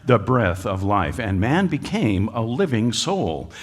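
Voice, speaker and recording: Very animated yet slow-paced, a lowish-voiced American man lectures a live audience in a large hall at a creationist talk. His manner is folksy and joking, with many filler uhs.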